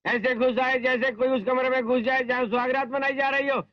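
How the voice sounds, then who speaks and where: A man's voice: extremely high pitch, flat delivery, a little fast, no echo. A man dubbing a blustering, cowardly, lecherous comic villain in a film. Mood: boastful. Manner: boastful, then whining and pleading. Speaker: dubbing actor. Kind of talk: Hindi film dub. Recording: dull film soundtrack with music.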